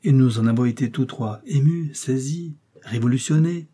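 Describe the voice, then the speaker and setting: A male audiobook reader voicing an excitable detective lieutenant backing up his colleague. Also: medium pitch, moderate pace, breathy edge, natural voice. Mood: shaken.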